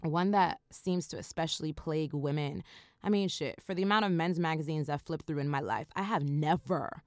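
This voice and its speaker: A woman's voice: low-pitched, normal speed, no room sound, studio quality. A woman in her thirties hosting a solo podcast, talking casually with slang, laughter and swearing. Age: 30s. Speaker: podcast host.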